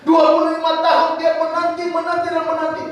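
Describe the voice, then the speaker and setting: A middle-aged man from North Sumatra preaching a loud, animated, joking sermon as pastor. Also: extremely high pitch, fast talker. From Batak, North Sumatra. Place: large church hall. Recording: echoey church hall from far off.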